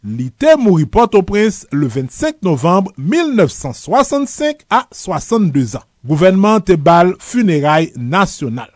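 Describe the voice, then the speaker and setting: High-pitched, animated Haitian male history host. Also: moderate pace, hardly any pauses, dry recording, clean studio sound. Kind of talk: scripted history narration.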